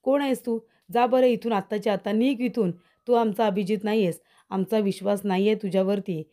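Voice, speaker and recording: A woman's voice: medium pitch, steady tone, brisk, mellow, natural voice. A woman voicing a young man who brusquely orders a stranger to leave. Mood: hostile. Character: young man, hostile nephew.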